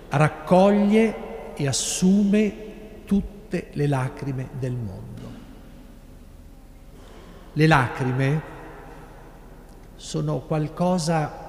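A middle-aged man with an Italian accent, a priest preaching a sermon in slow, measured phrases with long pauses. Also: mid-range voice, darkish tone, slight background noise. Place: large church sanctuary. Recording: echoey church with long reverb, live broadcast.

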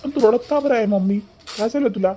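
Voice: mid-range voice, fast, mellow, soft background music, natural voice. A performer voicing a meek, office-working son in a cartoon. He speaks with a Vidarbha Marathi accent and a plaintive, whining way of explaining himself. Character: mild office-working son, meek before his mother and wife.

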